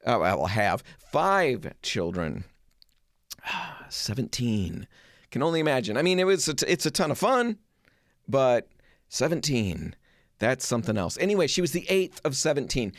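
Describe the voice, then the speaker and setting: Lively, chatty middle-aged man. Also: mid-range voice, dry recording, studio quality. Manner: chatty, animated, many asides. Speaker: host. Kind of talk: casual storytelling on a home improvement show.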